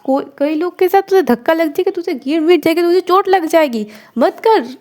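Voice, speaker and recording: A woman's voice: very high voice, normal speed, darkish tone, pitched above the performer's own voice. A woman voicing a bossy young female friend who fusses and scolds, told in a Hindi storytelling narration. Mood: alarmed. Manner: bossy, fussing, calls out urgently.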